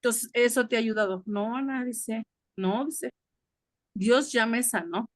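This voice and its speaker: A woman sharing a personal faith anecdote in a church discussion, recounting conversations with animated quoting, over a video call. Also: on the high side, measured pace, no room sound, clean studio sound. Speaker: discussion participant. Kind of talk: personal testimony in casual chat.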